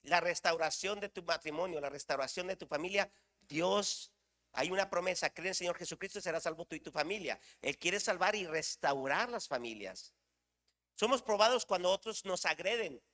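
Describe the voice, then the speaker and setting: A middle-aged man preaching a sermon, animated, shouting exclamations and asking the congregation questions. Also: sits high, normal speed, long reverb tail. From Mexico.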